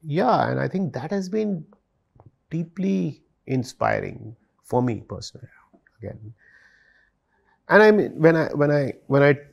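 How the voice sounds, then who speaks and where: A man's voice: on the low side, gravelly. A man in his fifties with an Indian English accent, a guest speaking earnestly and emotionally in a studio interview, slipping into Hindi now and then. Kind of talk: reflective interview conversation. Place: studio set with sofas.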